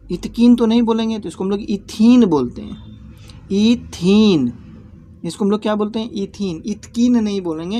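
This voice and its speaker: Mellow-voiced man teaching a lesson. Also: sits high, slight background noise. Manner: repetitive, checks understanding with tag questions. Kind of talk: classroom lesson.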